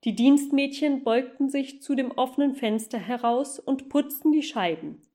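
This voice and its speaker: A woman reading a children's novel aloud in a calm, even manner. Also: high voice, normal speed. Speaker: reader. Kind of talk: storybook reading.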